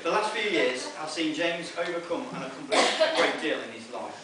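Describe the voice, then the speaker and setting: A man's voice: a little high, big pitch swings, normal speed. A young man giving a prepared best man's speech at a wedding. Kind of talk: wedding speech, read from notes. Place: inside a wedding venue, speaking to guests. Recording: roomy echoing, noisy, distant event recording.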